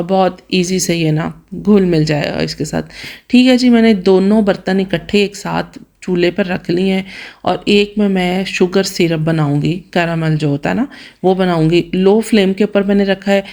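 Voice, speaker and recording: A woman from Pakistan with a Pakistani Punjabi accent, hoarse and tired, chatting to viewers in a home vlog voice-over. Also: on the low side, darkish tone. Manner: chatty, addresses viewers directly, asks their opinion. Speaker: vlogger.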